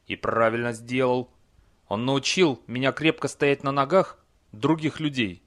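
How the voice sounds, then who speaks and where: Man doing a gruff old barbarian. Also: mid-range voice, unhurried, fairly bright tone. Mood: stubborn. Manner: curt, blunt.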